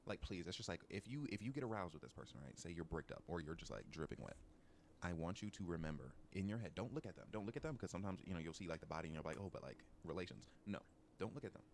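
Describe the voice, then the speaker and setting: Deep-voiced man, rapid-fire comic advice, faint room hiss behind. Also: vocal fry. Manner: mock-advice delivery with dramatic asides. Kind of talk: joking casual chat.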